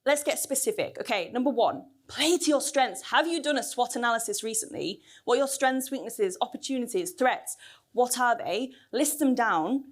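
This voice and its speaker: A woman's voice: a little high, expressive, normal speed. A woman speaking at a conference, losing her voice, chatty and asking the audience questions. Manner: chatty, asks the crowd questions. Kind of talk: lively lightning talk to an audience. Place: cinema venue stage.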